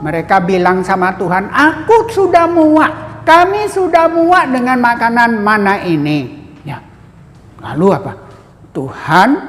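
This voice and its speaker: Brief: high-pitched female Sunday school teacher, lively Bible storytelling for kids, long reverb. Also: slight background noise. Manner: adds a questioning "ya" after nearly every phrase; lively, asks children questions.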